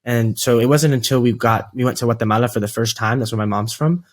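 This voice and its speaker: A man's voice: medium pitch, quick pace. A twenty-year-old American man, a podcast guest telling his story fluently and earnestly. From United States. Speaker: guest, real estate investor. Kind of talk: interview storytelling.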